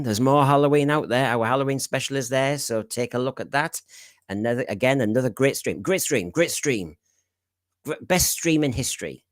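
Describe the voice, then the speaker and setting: A British man hosts a live fan podcast stream, chatty and jokey, rambling through asides and housekeeping in a casual live chat. His voice is medium-pitched, and the sound is dry and close with no echo.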